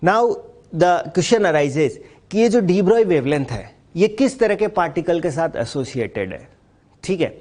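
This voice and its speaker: A physics teacher, a man, lectures in a slightly high voice. He walks through formulas step by step, repeating key points and posing questions he then answers himself. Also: sing-song, takes it slowly, darkish tone. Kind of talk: classroom lecture mixing Hindi and English.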